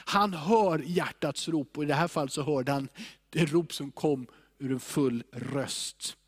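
A man preaching a sermon, earnest, now and then rising to loud cries as he quotes a prayer. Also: a little high, slightly rough.

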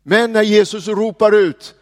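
A man delivers a sermon in a fairly high voice, moving between quiet, drawn-out passages and ringing proclamations. His voice carries a long reverb, as if in a large church hall. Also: steady tone. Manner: swings from hushed to proclaiming. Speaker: preacher.

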